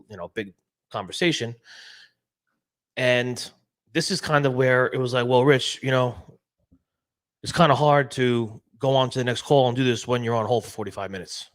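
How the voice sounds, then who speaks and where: A man hosting a casual live-stream talk show, animated and repeating himself as he restarts sentences. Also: mid-range voice. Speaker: show host.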